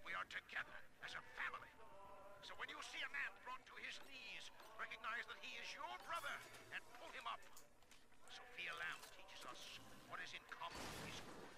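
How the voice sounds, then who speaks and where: A man's voice: very high-pitched, animated, normal speed, creaky, full character voice. An actor playing a fanatical male cult preacher in a video game, heard as game audio under gameplay noise. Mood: preaching. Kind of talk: game dialogue.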